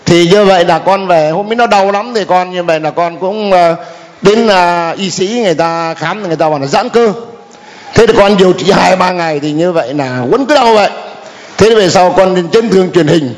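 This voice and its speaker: Older guy, kinda high voice, telling his testimony all halting and hesitant, big echoey church hall. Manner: hesitant, halting with many fillers. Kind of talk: spoken testimony. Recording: long hall reverb.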